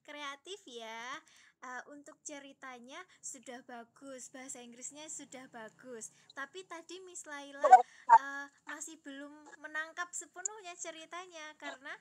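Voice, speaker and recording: A woman teacher giving gentle, praising feedback on a student's storytelling, pausing often with fillers. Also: high-pitched, background noise. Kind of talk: encouraging classroom feedback.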